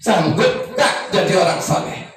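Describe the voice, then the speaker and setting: A man preaching an informal sermon as an ustaz at a gathering, speaking. He talks in an animated way, letting his voice rise and fall as he acts out parents and children. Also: sits high, measured pace. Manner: animated, rising and falling intonation, acting out parents and children. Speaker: ustaz giving advice at a birthday gathering. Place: community hall at an Islamic boarding school. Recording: echoey room, mic at a distance, music behind.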